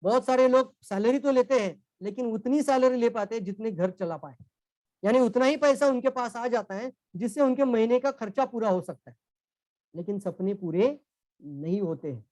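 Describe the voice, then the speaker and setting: A man's voice: extremely high pitch, lively intonation, moderate pace, darkish tone, no echo, low-quality recording. A man giving a motivational sales training talk, coaching his listeners directly and slipping in English sales lines.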